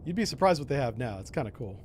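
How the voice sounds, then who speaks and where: A man's voice: mid-range voice, sing-song, fast, slight background noise. A man doing casual commentary on a submarine game, thinking aloud with mild exclamations. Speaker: gamer, host.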